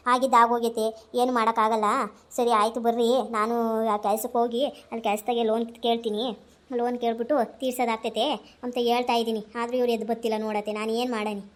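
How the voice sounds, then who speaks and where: Actress as worried young wife, insistent, fast, family drama skit. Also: female voice, on the high side, flat delivery, natural voice. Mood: pleading. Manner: pleading, insistent, repeating herself. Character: worried young wife pleading with her husband to eat.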